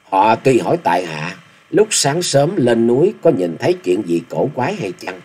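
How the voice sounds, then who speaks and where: A man's voice: mid-range voice, very animated, moderate pace, a little mellow, breathy edge. A man voicing a polite but stubborn young male swordsman who gives formal, proud replies. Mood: earnest.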